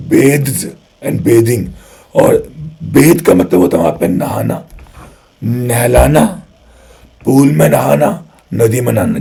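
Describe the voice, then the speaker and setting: A man with an Indian accent and a fairly low, creaky, slightly rough voice teaches spoken English. Chatty and lively, he explains patiently, repeats his key phrases and keeps posing rhetorical questions.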